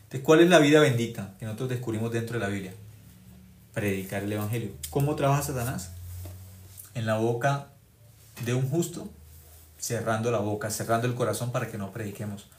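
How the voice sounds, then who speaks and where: A male preacher delivers a sermon at a middle pitch, pressing hard on key phrases and repeating them. He keeps asking the congregation questions and answering them himself. The recording has a roomy echo around his voice. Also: fairly quick, pauses often.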